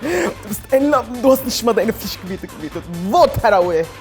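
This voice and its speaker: A woman's voice: sits high, lively intonation, normal speed, dark tone, soft background music. A woman voicing a brash, combative alter ego of herself who wants to go out for coffee, taunting her rival self.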